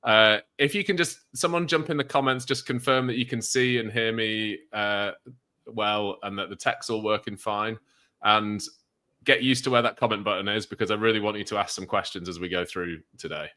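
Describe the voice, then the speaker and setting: Male host, casual and encouraging, lower voice with a bright edge. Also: normal speed. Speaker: webinar host. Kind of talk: hosting a live online interview.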